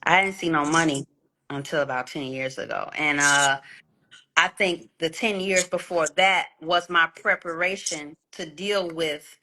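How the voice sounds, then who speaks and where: A woman in her thirties, an R&B singer and songwriter, is a guest in a casual interview, speaking candidly, swearing freely and often repeating words. Her low-pitched voice is pushed and bright with fairly even intonation and an unhurried pace, and the recording is rough.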